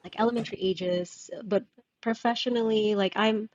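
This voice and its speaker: A woman's voice: mid-range voice, steady tone, moderate pace, dry recording. Woman, thoughtful, on a dull call. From Indonesia. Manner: thoughtful, searching for words with many fillers and restarts. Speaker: guest author. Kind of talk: casual interview conversation. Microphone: video call. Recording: dull dry video call audio.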